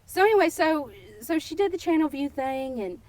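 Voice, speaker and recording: A woman from Texas, a podcast guest telling casual, playful stories in a lively way. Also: high-pitched, moderate pace, no room sound. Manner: lively, playful and warm-humored. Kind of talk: casual storytelling.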